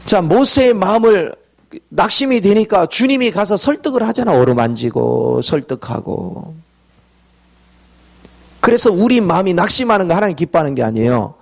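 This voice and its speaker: A man's voice: sits high, big pitch swings, brisk. A man preaching a sermon, acting out quoted voices and at times dropping to a whisper for emphasis.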